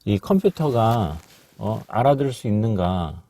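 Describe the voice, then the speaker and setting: A man teaching English in a casual podcast lesson, halting with many fillers and slowly repeating practice phrases. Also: fairly low pitch, very animated, dark tone.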